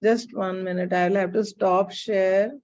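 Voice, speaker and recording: A woman's voice: mid-range voice, flat delivery, a little slow, darkish tone. A woman with an Indian accent teaching chemistry in an online class, captured in a screen recording, calling on students by name and checking they follow. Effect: screen-recorded online class audio. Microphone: video call computer mic. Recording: dull lo-fi video call audio.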